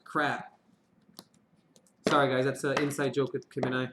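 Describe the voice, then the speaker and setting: A man's voice: mid-range voice, flat delivery, normal speed, noisy background. A man giving a casual live-stream tarot reading, chatty and swearing now and then. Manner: chatty, swears casually, murmured prayers to draw cards. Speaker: tarot reader. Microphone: live-stream mic. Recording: echoey room.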